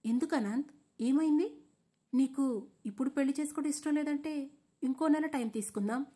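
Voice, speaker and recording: A woman voicing a heartbroken young fiancée who pleads and demands loudly. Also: sits high, fairly quick, pitched above the performer's own voice, lightly acted. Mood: anxious. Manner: pleading, rising to loud demands.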